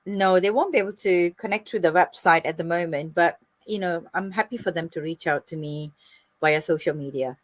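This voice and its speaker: A woman's voice: fairly low pitch, fairly quick, dry recording. A woman from Malaysia, a club president, answering interview questions over a video call in a friendly, fluent way.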